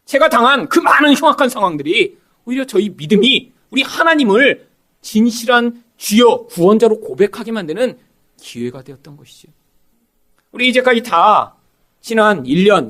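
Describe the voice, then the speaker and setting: A man's voice: high-pitched, big pitch swings, normal speed, a bit bright. A middle-aged male pastor preaching a sermon, asking the congregation rhetorical questions and acting out quoted voices.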